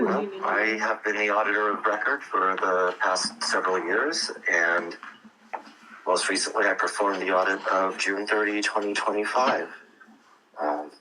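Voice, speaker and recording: A man reporting as town auditor over a speakerphone, speaking in a measured way with frequent ums. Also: low-pitched. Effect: heard over a speakerphone. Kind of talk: business call report. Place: phone call into a meeting room. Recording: distant speakerphone with background noise.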